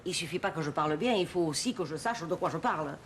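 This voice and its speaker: Older sitcom mum, chatty and easily offended, noisy tape. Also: female voice, sits low, expressive. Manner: quick to take offense, chatty. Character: lively older mother, stubborn, touchy. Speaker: sitcom mother.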